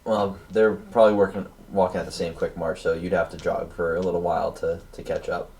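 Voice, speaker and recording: A man's voice: deep voice, flat delivery, brisk, darkish tone. A man narrating a tabletop game as game master, in a plain, matter-of-fact way. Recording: distant mic with faint noise.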